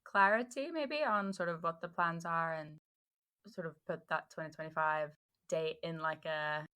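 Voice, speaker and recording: A woman in her thirties hosting a podcast in casual chat, thinking aloud with relaxed fillers. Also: low-pitched, normal speed. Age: 30s. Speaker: podcast host.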